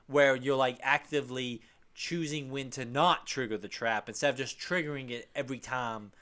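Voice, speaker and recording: A man's voice: mid-range voice, moderate pace, fairly bright tone, clean tone. A man co-hosting a podcast, chatting casually and animatedly retelling game scenes with laughter. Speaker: podcast co-host.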